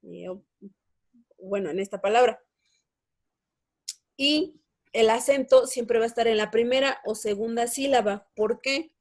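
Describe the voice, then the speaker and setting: A woman's voice: fairly high pitch, unhurried, long pauses. A young woman teaching a language lesson, explaining step by step and checking in with her students. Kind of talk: online lesson.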